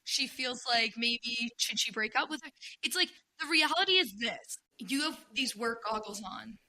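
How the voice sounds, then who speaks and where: A woman's voice: a little high, animated, normal speed, sharp tone, low-quality recording. A woman hosting a casual podcast, talking bluntly with plenty of swearing and reading forum posts aloud. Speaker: podcast host.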